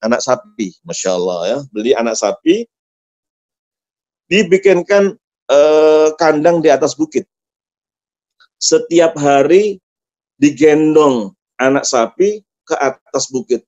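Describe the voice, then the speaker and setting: High-voiced man telling a dramatic sermon story. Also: lively intonation, takes it slowly, pauses often, a little mellow. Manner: dramatic storyteller, emotional swings. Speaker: preacher. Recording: dull lo-fi sound.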